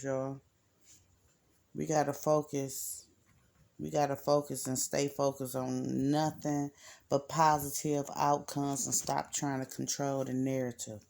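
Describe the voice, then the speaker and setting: A woman's voice: sits low, creaky, darkish tone. A woman giving a casual, rambling reading to her viewers, blunt and cursing freely. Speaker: card reader.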